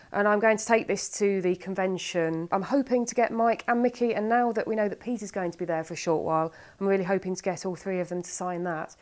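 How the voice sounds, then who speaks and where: A middle-aged woman chatting about being a fan, warm and enthusiastic. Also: on the low side. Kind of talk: casual interview.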